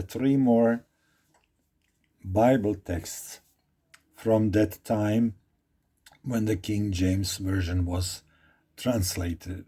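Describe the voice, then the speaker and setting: A native Croatian speaker with a Croatian accent leads an informal Bible study, reading verses aloud and repeating phrases as he explains them. His voice is fairly low and warm, with a breathy edge.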